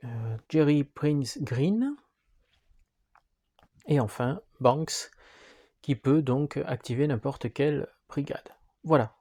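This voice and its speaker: A man's voice: medium pitch, animated, slow pace, long pauses, a little mellow, breathy edge. A man walking through the rules of a wargame, talking hesitantly with frequent fillers as he handles the pieces. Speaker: board game presenter.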